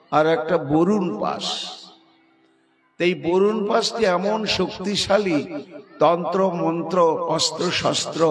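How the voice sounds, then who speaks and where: A man recounting devotional scripture stories to a live gathering, slow and dramatic, acting out the figures he quotes. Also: a little high. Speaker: religious storyteller. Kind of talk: devotional scripture recitation to a crowd.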